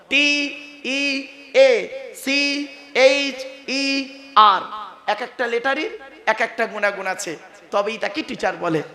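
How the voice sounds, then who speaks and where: This is a male preacher from West Bengal delivering a sermon to a gathered crowd. His voice sits very high and sounds sharp and bright. He keeps pulling the listeners in with questions and calls for a response, and he mixes English words into the talk. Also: echoey room. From West Bengal, India. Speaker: Islamic preacher.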